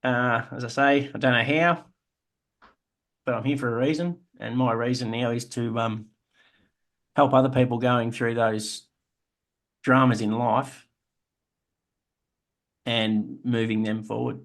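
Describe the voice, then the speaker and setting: A man's voice: medium pitch, fairly even intonation, a little slow, long pauses, fairly bright tone. An Australian man, podcast co-host, telling his own story in an earnest, reflective way. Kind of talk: casual chat.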